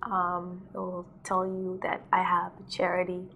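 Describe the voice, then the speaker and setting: A woman's voice: on the low side, monotone, a little slow, creaky, pushed and bright. A young woman from South Sudan, a DJ and model, talking in a casual interview with lots of fillers and laughter, recorded on a lapel mic in a studio. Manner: chatty, laughs often, many "like"s and fillers.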